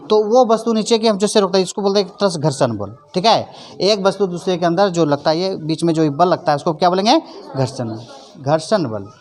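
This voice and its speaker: A woman teacher explaining a lesson in plain, repetitive phrases, often checking that her pupils understand. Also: mid-range voice. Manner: leads call-and-response recitation. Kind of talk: classroom lesson. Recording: faint background noise.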